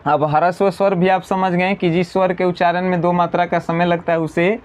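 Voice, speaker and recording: A man teaching an exam-prep grammar lesson, slowly repeating definitions and answering his own questions. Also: high voice, level tone.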